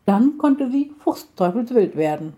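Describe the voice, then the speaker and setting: Female storyteller for a children's tale: mellow tone, calm measured reading. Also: a little high.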